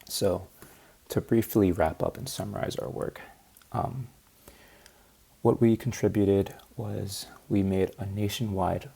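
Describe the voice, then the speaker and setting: Tired man with a gravelly, husky voice. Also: fairly low pitch, dark tone. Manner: tired, slightly slurred, unscripted. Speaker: researcher presenting a project. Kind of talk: practice conference presentation.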